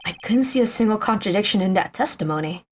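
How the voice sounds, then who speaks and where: A woman's voice: mid-range voice, expressive, quick pace, a little hiss or hum, natural voice. A woman voicing a nervous young male defense lawyer in a game, reading his anxious inner thoughts.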